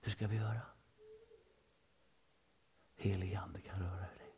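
A man with a Swedish accent preaching an informal sermon, dropping into hushed whispers and then rising into sudden loud bursts. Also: deep voice, flat delivery, slight background noise. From Sweden.

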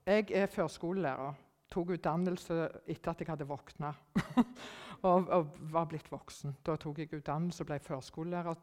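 A middle-aged woman giving a personal testimony to an audience, telling it in a lively way, acting out her own thoughts and sometimes dropping almost to a whisper. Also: lowish voice. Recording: long hall reverb.

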